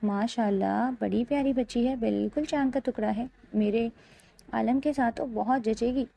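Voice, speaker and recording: A doting, affectionate future mother-in-law from a spoken storybook, as a woman narrator puts her on. Her voice is mellow and dark-toned, with a light gravelly edge. She speaks sweetly and fondly. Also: fairly high pitch, no room sound. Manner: warm, doting.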